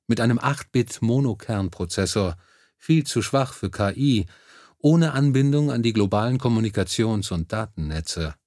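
A man narrating an audiobook in a measured, even reading style. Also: fairly low pitch, no room sound, studio quality. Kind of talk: scripted narration.

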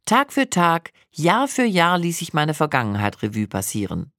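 A woman's voice: deep voice, moderate pace, dry recording, studio quality. Woman in her sixties reading a memoir. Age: 60s. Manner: reflective, expressive storytelling. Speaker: narrator. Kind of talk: memoir audiobook narration.

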